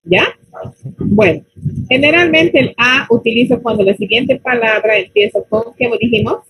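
A woman teaching an online English class in Spanish, modeling English words slowly and checking whether the students follow. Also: a little high, fairly bright tone, husky, poor audio.

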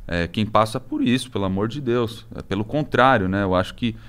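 A young Brazilian man with a Brazilian Portuguese accent, a podcast guest talking casually and haltingly with many restarts. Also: lowish voice, fairly bright tone, clear, resonant tone. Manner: hesitant, many restarts and fillers. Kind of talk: casual interview talk.

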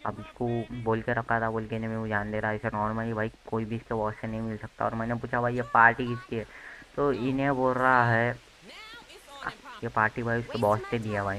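Chatty gamer, bright tone. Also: male voice, lowish voice, little pitch movement, fairly quick, poor audio. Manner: chatty, addresses viewers as bhai, shouts when the game goes wrong. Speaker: gaming channel host. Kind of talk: casual Hindi gameplay commentary.

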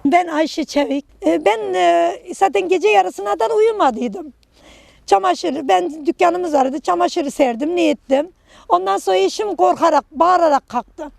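A middle-aged woman giving a personal testimony in short, halting phrases. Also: very high voice, creaky, darkish tone, no room sound. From Kahramanmaraş, Turkey. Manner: halting, tells events in short broken phrases. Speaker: earthquake survivor interviewee.

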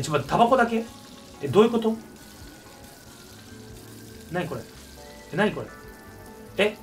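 A man giving excitable gameplay commentary with loud, shouted reactions. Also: sits high, recorded from a distance. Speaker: gaming YouTuber.

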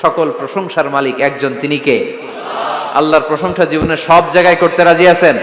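Male waz preacher, fairly high voice, fervent and shouting, chanted verses, roomy hall reverb. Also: fairly even intonation, moderate pace, crowd noise, background noise. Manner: impassioned, shouting, calls out to the audience, chants Arabic verses. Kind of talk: Bengali waz sermon to a crowd. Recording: echoey with long hall reverb.

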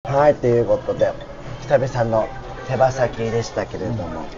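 A man's voice: medium pitch, animated, normal speed. A young man hosting a casual chat over drinks in a campy, effeminate way of talking. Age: young adult. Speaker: video host. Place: restaurant table, indoors. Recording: dull sound, restaurant chatter.

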